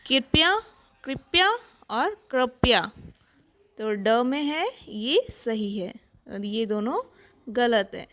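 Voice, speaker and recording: A woman's voice: fairly high pitch, expressive, slow, a little hiss or hum. A woman teacher patiently walking through a children's worksheet, explaining each answer step by step. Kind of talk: worksheet walkthrough lesson.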